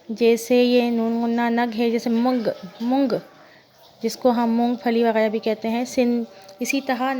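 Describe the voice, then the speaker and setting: A woman's voice: fairly high pitch, darkish tone, a little hiss or hum. Patient woman teaching children letters. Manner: patient, sounds out each letter twice. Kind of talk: children's alphabet lesson.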